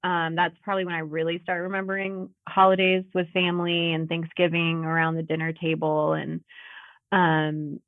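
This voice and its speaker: Her lowish voice stays level at normal speed as a thirty-something woman chats in a casual podcast interview via video call, peppering it with laughs and fillers. The sound is tinny, like a phone, with no room sound.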